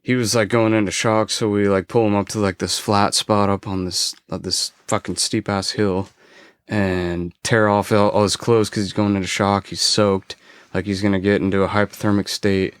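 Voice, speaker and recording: A man on a podcast, a former forest ranger, casually telling a story with frequent swearing and halting restarts. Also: on the low side, level tone, clean tone, no echo.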